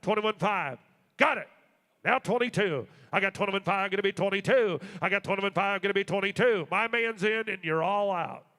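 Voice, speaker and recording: A man working as an auctioneer, calling bids in a rapid, repetitive, rolling live chant. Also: high voice, bright, forceful tone. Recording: long hall reverb.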